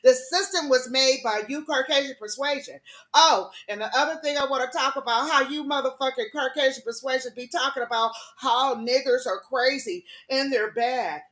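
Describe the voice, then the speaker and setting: A woman's voice: high voice, normal speed, a bit bright. Heated, profane woman ranting, echoey room. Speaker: internet radio host. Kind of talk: solo ranting monologue.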